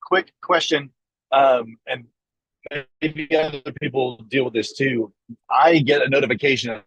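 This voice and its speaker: A man's voice: mid-range voice, fairly even intonation, unhurried, a bit bright, breathy edge. A man asking a hesitant question at an online town hall, his voice breaking up over a poor connection. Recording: muffled lo-fi call audio, distant from the mic.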